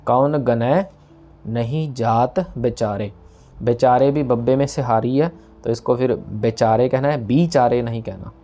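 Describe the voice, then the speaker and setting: A man teaching the pronunciation of scripture verses, patiently explaining each word and chanting the lines back slowly. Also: mid-range voice, warm tone. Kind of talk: pronunciation lesson.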